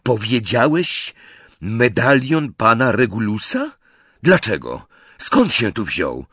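A man's voice: medium pitch, huge pitch swings, slow, breathy edge, no echo, studio quality, heavily acted. A man reading a stern, commanding teenage boy wizard. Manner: sharp, commanding.

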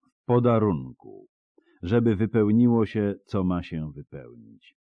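A man voicing a grave, solemn old swordsmith in an audiobook, speaking in slow, measured tones. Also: fairly low pitch, sing-song, no room sound, phone-quality sound. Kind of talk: audiobook character voice.

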